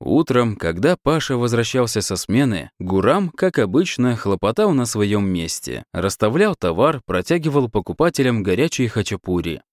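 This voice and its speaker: A man narrating a story in an expressive, wry way. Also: mid-range voice, moderate pace, few pauses, no echo, clean studio sound. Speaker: audiobook narrator.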